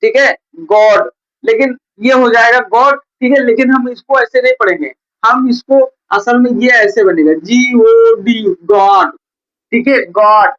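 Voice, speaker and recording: A man's voice: extremely high pitch, measured pace, fairly bright tone. Male tutor at a board, patient and repetitive, dull lo-fi sound. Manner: patient, repeats "theek hai" and "bhaiya" often. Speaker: teacher. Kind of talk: blackboard reading lesson. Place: coaching classroom at a board. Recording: dull lo-fi recording.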